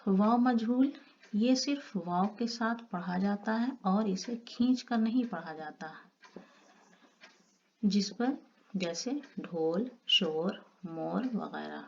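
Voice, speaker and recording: A woman's voice: medium pitch, slow pace, vocal fry. A woman teacher giving an Urdu grammar lesson, explaining step by step and drawing out the example words. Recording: dull lo-fi audio with faint noise.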